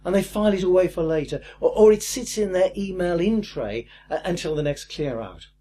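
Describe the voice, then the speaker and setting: An older man teaching a recorded course lesson in a lively, emphatic way with a husky voice. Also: high voice, fairly quick. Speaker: course instructor.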